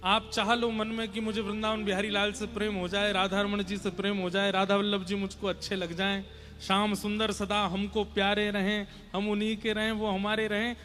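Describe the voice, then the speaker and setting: A man's voice: high voice, level tone, moderate pace, a bit bright, faint music behind. A young man giving a devotional sermon to a seated audience in a large hall, chanting verses and earnestly urging everyone to listen closely. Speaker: kathavachak preacher.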